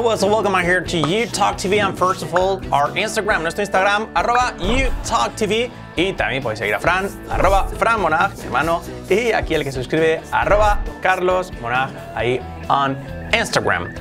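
A man from Spain with a Spanish accent, hosting a lively bilingual English lesson and slowly repeating words to show how they are pronounced. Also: a little high. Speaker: English teacher and channel host.

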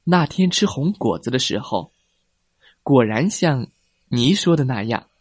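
A man reading a children's story aloud with gentle, expressive storytelling. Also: mid-range voice, measured pace, husky, no echo, studio quality.

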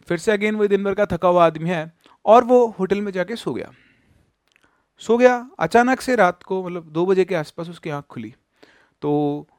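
Male storyteller from rajasthan, dramatic spooky telling, bit high voice, dry close sound. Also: no room sound. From Rajasthan, India. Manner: animated, dramatic, addresses listeners directly. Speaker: storyteller host.

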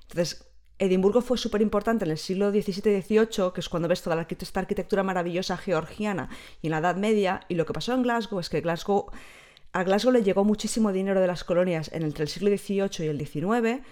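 With a quick pace and a mid-range, slightly mellow voice, a woman in her thirties talks casually as a podcast guest, giving long, fluent explanations.

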